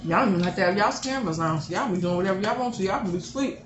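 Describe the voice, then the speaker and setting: A woman's voice: mid-range voice, rapid-fire. A middle-aged woman hosting a casual eating chat with her daughters, blunt and joking in an outspoken way. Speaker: mother and channel host. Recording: echoey room with steady background noise.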